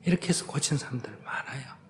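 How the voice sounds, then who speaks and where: A man's voice: medium pitch, fast, whispered. An older man, a Buddhist monk, bluntly advising a questioner in a Q&A talk, scolding and teasing. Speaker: Buddhist monk giving advice. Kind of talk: Q&A dharma talk.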